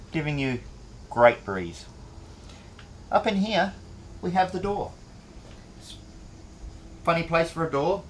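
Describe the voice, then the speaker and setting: A middle-aged man giving a relaxed walkthrough of a catamaran's cabin and cockpit, plain-spoken with hesitant fillers. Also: fairly high pitch, a little hiss or hum. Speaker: boat charter owner giving a tour. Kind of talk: casual walkthrough tour.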